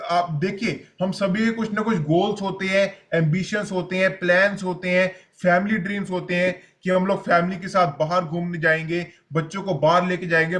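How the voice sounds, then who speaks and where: A male health coach with a fairly high voice leads a live session. He talks bluntly, repeats his points and keeps checking in with the people listening. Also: a bit bright. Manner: blunt, repetitive, addresses listeners directly.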